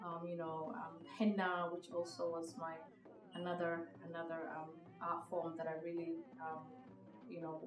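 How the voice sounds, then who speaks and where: A woman's voice: on the low side, monotone, normal speed, recorded from a distance. A woman from Somalia, in her thirties, telling her own story in a reflective, hesitant way with many fillers and restarts. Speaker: podcast guest, visual artist. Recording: echoey room, from the mic, music behind.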